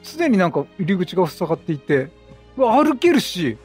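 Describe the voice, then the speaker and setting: Over game music, a male streamer gives chatty, casual commentary at a moderate pace, improvising character voices as he reads lines aloud. His voice is high-pitched and a little mellow with a breathy edge, and it swings widely in pitch.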